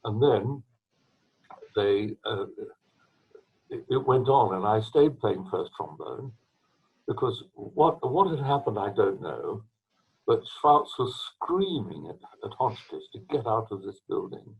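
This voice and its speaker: Older man with a husky voice, tinny line. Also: on the low side, expressive. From England. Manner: rambling, halting anecdotes with restarts and throat-clearing. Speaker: retired trombonist, interviewee. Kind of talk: storytelling interview. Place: at home. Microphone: video call. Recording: tinny video call line.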